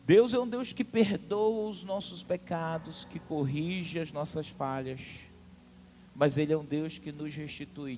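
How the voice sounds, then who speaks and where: A man's voice: a little high, gravelly, a little mellow. A man preaching a sermon, telling the story dramatically and calling out to the congregation. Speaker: pastor.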